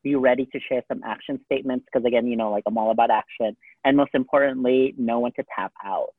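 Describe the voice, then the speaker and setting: Speaking fast with fairly even intonation, this medium-pitched man co-hosts a podcast in relaxed conversation. His talk wanders, packed with "like" and "um" fillers, and the dry audio sounds thin, as if over a phone.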